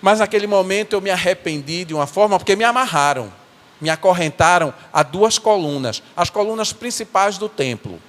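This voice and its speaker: A man playing a remorseful biblical strongman, telling his own downfall in a halting, earnest first-person church monologue. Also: high-pitched, expressive, fairly bright tone. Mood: rueful. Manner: earnest, halting storytelling with repeated words. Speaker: church performer. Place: church sanctuary. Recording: echoey church hall.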